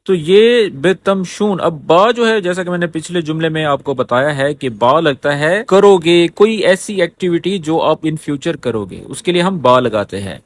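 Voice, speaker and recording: A man teaching spoken phrases in a lesson. He explains patiently, repeats each phrase slowly and keeps checking that the listener has understood. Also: fairly high pitch, expressive. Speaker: Arabic teacher.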